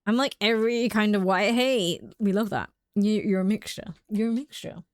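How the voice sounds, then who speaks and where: A young British woman streams a game from home, chatting casually with her viewers. Her medium-pitched voice moves at a moderate pace, captured dry and clean in studio quality. She's chatty and giggly, laughing a lot and packing her talk with "like."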